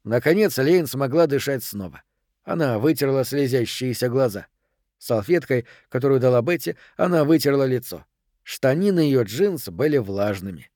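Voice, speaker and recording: A man narrating an audiobook in a steady, even reading voice. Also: medium pitch, normal speed, no room sound, clean studio sound. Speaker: audiobook reader. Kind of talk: scripted narration.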